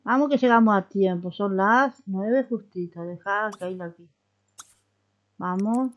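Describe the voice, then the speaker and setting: A woman's voice: mid-range voice, measured pace, lo-fi sound. A woman with a Rioplatense Spanish accent giving casual let's-play commentary, chatty and coaxing as she talks to her characters like babies. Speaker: gaming YouTuber.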